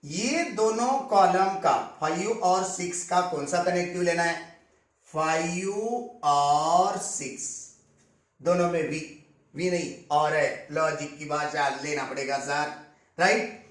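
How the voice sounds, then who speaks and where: Slow high-voiced man teaching maths. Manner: explains step by step, asks checking questions. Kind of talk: classroom lecture. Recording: echoey room, distant mic.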